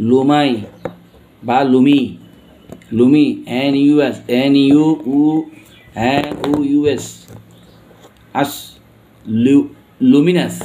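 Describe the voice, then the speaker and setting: A man's voice: mid-range voice, steady tone, very slow, long pauses, warm tone, slight background noise. A man with a Bangladeshi accent teaching a pronunciation lesson. He spells words out letter by letter and keeps asking his students questions. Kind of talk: classroom lesson.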